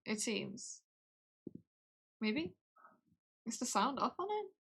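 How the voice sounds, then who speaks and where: A young woman streaming, reading game text aloud in a slow, soft way and breaking off into giggly, casual asides. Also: a little high, big pitch swings, breathy edge.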